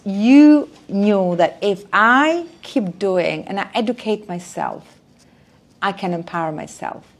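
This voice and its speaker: A woman hosting an interview podcast, encouraging her guest and summing up her story before asking questions. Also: fairly high pitch. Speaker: podcast host. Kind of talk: interview host.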